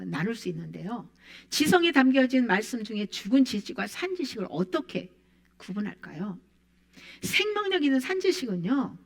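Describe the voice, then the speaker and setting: A woman preaching a sermon, quoting scripture with emphatic rises and falls. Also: mid-range voice. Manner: emphatic, rising and falling preaching voice.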